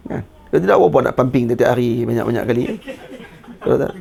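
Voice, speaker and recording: Gravelly-voiced Malay religious teacher. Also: male voice, medium pitch, a little mellow. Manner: reads Arabic text slowly, then explains in colloquial Malay with jokes and laughter. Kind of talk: kitab study lecture.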